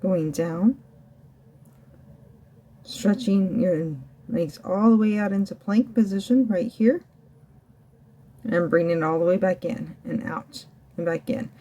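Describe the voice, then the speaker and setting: A woman's voice: on the low side, slow, long pauses, dark tone. A woman working as a fitness instructor, coaching a home ab workout while demonstrating the floor exercises herself. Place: indoors at home.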